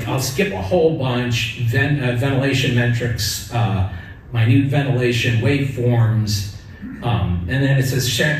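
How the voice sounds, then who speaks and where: A man's voice: fairly low pitch, slight background noise. A middle-aged man speaking as a keynote speaker at a lectern, earnest and personal, often checking in with "right?". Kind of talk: conference keynote talk. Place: large conference hall, at a lectern. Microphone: lectern mic, recorded from the audience. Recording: very echoey hall from far off.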